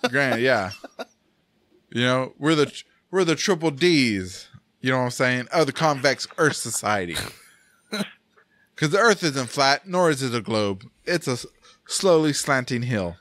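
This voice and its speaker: A man's voice: mid-range voice, expressive, measured pace, fairly bright tone, no echo. Laughing, tongue-tied male podcast host. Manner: laughs often, stumbles over words. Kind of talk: casual chat.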